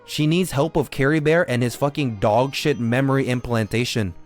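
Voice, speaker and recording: Live streaming a game, a man gives unscripted commentary at a moderate pace in a medium-pitched voice. He argues insistently, repeats himself, and swears casually, with soft background music playing.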